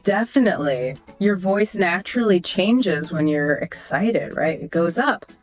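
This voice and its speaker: Low-voiced woman explaining on a podcast. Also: lively intonation, a little slow, poor audio. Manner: explanatory, teacherly, affirming. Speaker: podcast co-host. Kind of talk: scripted podcast dialogue. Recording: soft music behind the voice.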